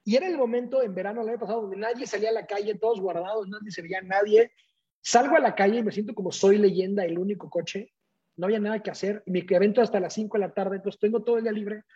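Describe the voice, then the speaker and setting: Man, husky voice, animated storyteller, dull lo-fi recording. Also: high voice, quick pace. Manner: animated, acts out quoted dialogue. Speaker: guest. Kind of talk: personal storytelling in conversation. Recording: dull lo-fi audio.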